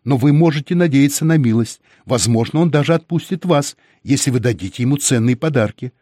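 A man voicing a boastful, greedy male captive who speaks in a firm, shrill voice in an audiobook. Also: a little fast, mellow, no room sound, studio quality, natural voice. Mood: greedy, smug.

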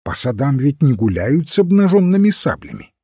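An irritable, strictly logical doctor, performed by a man with a dark, husky voice. He presses his questions insistently, always on the edge of exasperation. Storybook reading. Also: mid-range voice, big pitch swings, moderate pace, no room sound, studio quality, voice pushed up. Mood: exasperated. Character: irritable, logical male doctor, impatient scholar.

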